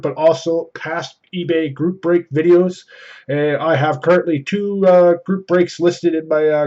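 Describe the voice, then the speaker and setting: A man hosting a card break with casual live commentary, announcing items in an enthusiastic, drawn-out way. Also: a little high, a little mellow. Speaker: host of hockey card box breaks. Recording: dull, lo-fi microphone.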